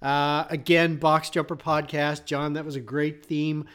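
A man hosting a podcast, reading out rapid-fire questions and teasing his co-host in casual chat. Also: fairly high pitch, little pitch movement, fairly bright tone, clear, resonant tone.

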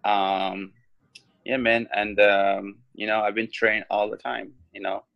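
A young man from Morocco talks in a low, flat voice, pausing on ums and starting lines again. His voice sits close to the mic in a dry room. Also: creaky, dry recording, dull audio. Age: 20s. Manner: halting, many ums and restarts. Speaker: guest, professional fighter. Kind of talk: casual interview talk.

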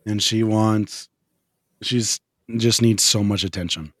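A young man co-hosting a podcast in casual chat, his voice hoarse from a fever, talking in a low-key way. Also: steady tone, takes it slowly, no room sound, studio quality. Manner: low-key, talks little while sick. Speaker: podcast co-host.

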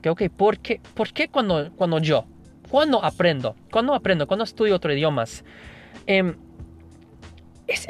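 Man, non-native speaker, English first language, slightly higher pitch, casual thinking-aloud monologue full of restarts. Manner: thinking aloud, frequent restarts and tag questions. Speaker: language learner sharing tips.

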